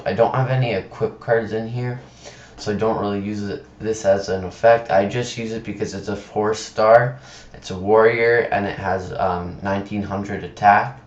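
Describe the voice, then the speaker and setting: A man with a low voice talks casually through a screencast, speaking with a sore tongue and throat. He is halting and trips over names. The sound is dull and roomy. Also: fairly even intonation. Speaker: presenter of card game videos. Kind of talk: casual deck profile commentary over screen recording.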